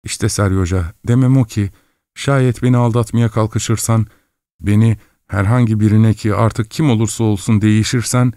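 A passionate young merchant's wife, as a man puts her on, pleading and possessive with her lover. He pitches her voice well above his own low register, and the sound is dry and close. She comes across as an audiobook heroine torn between rapture and jealousy. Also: steady tone, normal speed, mellow, no echo, lightly acted.

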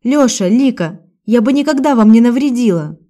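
Young woman wrongly accused, desperate, raised tearful voice, mellow tone, voiced by a woman. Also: on the high side, expressive, moderate pace, pitched above the performer's own voice, close to an everyday voice. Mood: desperate pleading.

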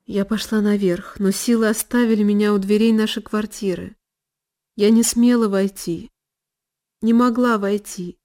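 A woman reading a classic novel aloud as audiobook narration, in a measured, emotive way. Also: mid-range voice, fairly even intonation, dark tone. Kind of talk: scripted literary narration. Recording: long reverb, faint violin music behind.

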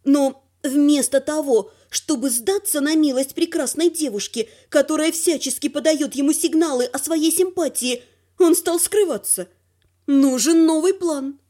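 A woman narrating a first-person fantasy audiobook with a lively, expressive reading. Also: sits high, unhurried.

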